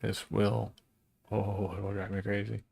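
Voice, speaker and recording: A man muttering and swearing at his software under his breath while he works at a computer. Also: fairly low pitch, level tone, unhurried, vocal fry, slightly rough, dry recording. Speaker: streamer fixing computers. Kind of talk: casual muttering to himself while working at a computer.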